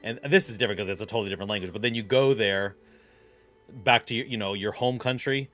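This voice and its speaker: A man's voice: on the low side, quick pace, fairly bright tone, faint music behind. A man casually commenting while playing a game, chatty and laughing, sometimes racing through sentences. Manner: chatty, laughing, bursts of speed. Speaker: gaming channel host. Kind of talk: let's play commentary.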